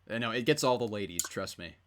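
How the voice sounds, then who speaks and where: A young man hosting a game stream, chatting casually in a rambling, joking, self-deprecating way. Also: lowish voice. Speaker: host and mod creator. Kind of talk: casual chat while playing a game. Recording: steady background noise.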